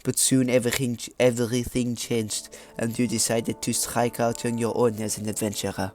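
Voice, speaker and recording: A man's voice: medium pitch, flat delivery, moderate pace, a little mellow, lightly acted. A man reading game story text aloud in a hammy mock French accent, stumbling over words as he goes, with faint game music behind.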